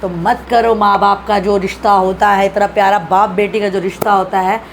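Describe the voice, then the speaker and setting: A woman's voice: medium pitch, flat delivery, normal speed, slight background noise. A woman from Bihar, India, giving a heated, indignant reaction rant full of swearing. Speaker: social media creator.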